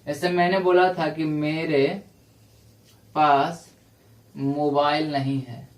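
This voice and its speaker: A male English teacher giving a classroom lecture, explaining grammar rules step by step and repeating each example slowly. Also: on the high side, flat delivery. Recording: echoey room, voice from a distance.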